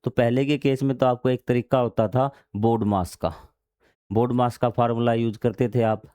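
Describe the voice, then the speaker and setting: A man's voice: mid-range voice, fairly even intonation, normal speed, mellow, smooth, dry recording, studio quality. A man teaching a maths lesson, reading out textbook passages and then explaining them in everyday words, asking questions and answering them himself. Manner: asks questions and answers them himself, repeats key steps.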